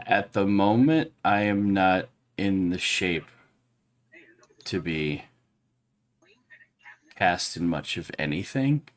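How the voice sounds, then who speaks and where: A man describing his character's actions during an online tabletop role-playing game, in slow, drawn-out narration. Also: low-pitched, expressive. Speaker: player.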